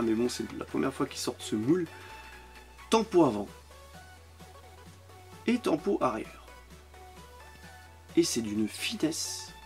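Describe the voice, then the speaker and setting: A man with a French accent giving casual, enthusiastic commentary on toy cars from his collection, often repeating words for emphasis. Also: mid-range voice. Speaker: toy car collector vlogger.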